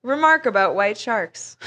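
A woman in her thirties chats on a podcast with a tipsy, giggly looseness. She swears freely and rambles through her stories, with a pitch that sits in the middle of the range. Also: lively intonation, slow, pushed and bright. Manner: loose, giggly, profane storytelling. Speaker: podcast co-host. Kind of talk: casual chat.

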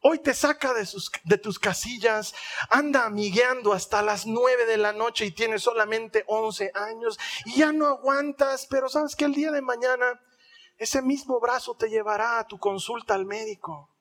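A male pastor, preaching a sermon in an animated, humorous way, acting out little scenes. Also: very high-pitched, normal speed.

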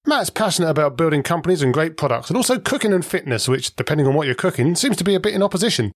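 A man's voice: a little high, sing-song, rapid-fire, breathy edge, no room sound. Man, podcast host, joking, dry sound. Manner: playful, joking. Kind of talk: scripted intro then interview questions.

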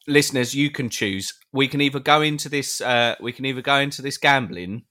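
A man's voice: medium pitch, fairly quick, bright, forceful tone. A British man co-hosting a live podcast, chatting casually and playfully with listeners, often restarting his sentences. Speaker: podcast co-host.

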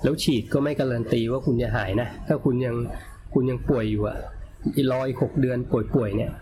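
A man's voice: medium pitch, brisk, noisy background. A man hosting a casual talk, answering viewer comments in an easygoing, chatty way with many polite particles and restarts.

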